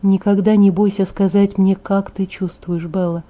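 A quiet, gentle young man speaks slowly and evenly, his voice mellow and warm, as a woman narrator puts him on. He sounds calm and measured, with no hurry at all. It is an audiobook reading. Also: medium pitch, highs cut off, close to an everyday voice.

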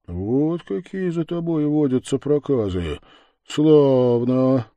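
A man's voice: mid-range voice, animated, slow, dry recording, dull audio, pitched above the performer's own voice. A man voicing a cheeky young village lad who mocks his father and rallies his friends, in a storybook reading. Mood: mocking. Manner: mocking, loud rallying calls.

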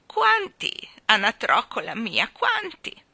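A woman's voice: fairly high pitch, huge pitch swings, slightly rough, no echo, voice pushed up, full character voice. A woman doing a quavering, doting old balloon seller. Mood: doting, wistful. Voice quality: quavering, tremulous voice. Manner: drawn-out, sing-song, loud endearments.

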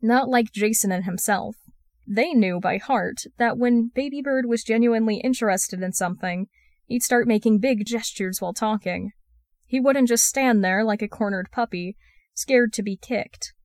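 A woman's voice: a little high, normal speed, a little mellow, no echo. Woman reading fan fiction, dry sound. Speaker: podfic reader.

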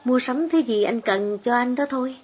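A woman narrating a storybook in a steady, measured way. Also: on the high side, husky. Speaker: audiobook reader. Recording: dull lo-fi audio with faint background music.

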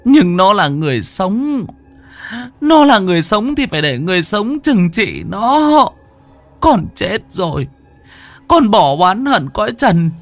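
Guy doing a tearful old granny, wailing high and shaky, music faint behind. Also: a bit bright, dry recording, full character voice. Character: grieving old village grandmother pleading with ghost.

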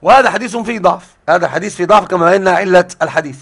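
Guy teaching a religious lesson, fast talker, keeps restarting and repeating words. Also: high-pitched, a bit bright, husky. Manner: halting, repeats words often. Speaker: sheikh teaching hadith.

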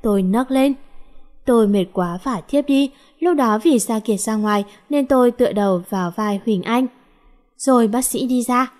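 A woman's voice: a little high, moderate pace, darkish tone. A woman reading a first-person story aloud, voicing the characters' lines with small lifts in her voice.

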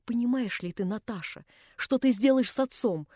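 A woman's voice: a little high, moderate pace, mellow, no room sound, clean studio sound, close to an everyday voice. A woman reading the part of a young man who pleads desperately and insistently with the woman he loves. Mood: pleading urgently.

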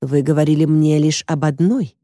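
An impatient woman police detective, voiced by a female narrator in an audiobook, curt and official. The voice is low and dark with a dry, close sound. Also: fairly even intonation, moderate pace, no room sound, close to an everyday voice.

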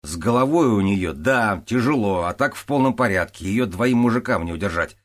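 A man's voice: fairly low pitch, animated, moderate pace, lightly acted. A man voicing a weary, sarcastic police captain. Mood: exasperated. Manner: stern, sarcastic, barking orders. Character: weary, exasperated middle-aged male police captain. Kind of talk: audiobook character voice.

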